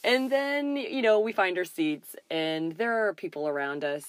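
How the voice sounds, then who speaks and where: A woman co-hosting a podcast, telling a story in casual chat, animated and laughing often. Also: medium pitch, measured pace, no room sound. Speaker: podcast co-host.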